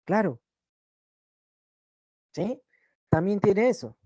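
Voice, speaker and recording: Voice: medium pitch, very animated, extremely slow, warm tone, no room sound, dull audio. A teacher giving an online language lesson over a video call, explaining step by step and often checking in with short tag questions.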